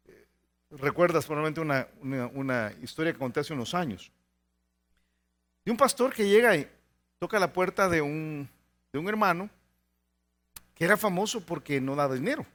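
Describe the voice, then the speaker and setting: Animated, high-pitched male preacher. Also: moderate pace, pauses often. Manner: animated preaching, acts out quoted voices in anecdotes; frequent rhetorical "¿verdad?" asides to the congregation. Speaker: pastor. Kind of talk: sermon.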